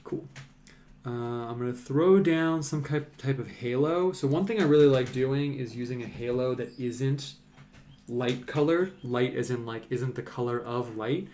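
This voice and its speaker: A man's voice: medium pitch, a little slow. A man chatting casually on a live stream as he paints, rambling loosely with lots of fillers. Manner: rambling, relaxed, many "like"s and fillers.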